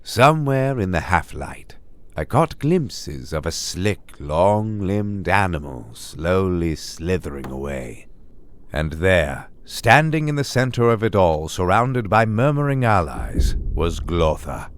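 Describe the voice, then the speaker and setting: A man's voice: low-pitched, big pitch swings, takes it slowly. A man giving a dry, sardonic first-person narration of a fantasy story. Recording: narration over background music.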